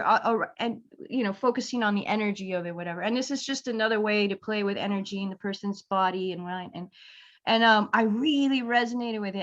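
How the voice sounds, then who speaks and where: A woman talking as a guest in a casual conversation, rambling, laughing and acting out quotes with energy. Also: medium pitch. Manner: rambling, laughing, animated quoting. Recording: slightly dull lo-fi audio.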